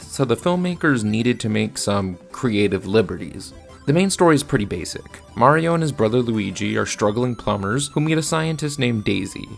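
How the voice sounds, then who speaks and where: A video essayist and film reviewer narrates a scripted yet conversational film review in an opinionated, matter-of-fact way. His voice is medium in pitch, with vocal fry.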